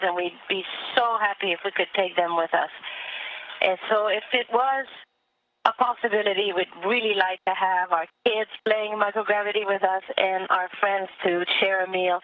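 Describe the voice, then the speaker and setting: Woman over a tinny radio link. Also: mid-range voice. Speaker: astronaut. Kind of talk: answering public questions from orbit. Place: aboard spacecraft in orbit. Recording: phone-like radio downlink, faint noise.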